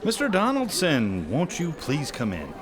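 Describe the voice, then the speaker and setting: A man's voice: fairly high pitch, huge pitch swings, a little slow, a crowd in the background, background noise. Man doing a pompous, swooping professor. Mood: condescending. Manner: pompous, formal. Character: arrogant, pompous male university professor.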